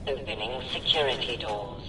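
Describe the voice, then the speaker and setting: A man voicing a calm automated security computer in a video game, making clipped, even announcements. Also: medium pitch, normal speed, far from the mic, heavy background noise, natural voice. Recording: echoey game audio heard from afar with loud music.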